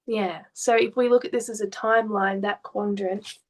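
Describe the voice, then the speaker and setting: A woman art therapist gently asking questions and explaining what a client's drawings mean. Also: medium pitch, fairly even intonation, normal speed, low-quality recording. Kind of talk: therapy session conversation.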